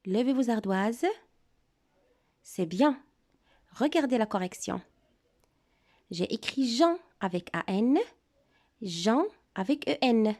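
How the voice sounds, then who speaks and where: A woman giving a reading lesson to small children, her voice fairly high and full of rising and falling melody. She speaks slowly and clearly. Her tone is mellow rather than bright. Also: lively intonation. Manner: slow, carefully articulated, encouraging teacher talk. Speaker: primary school teacher.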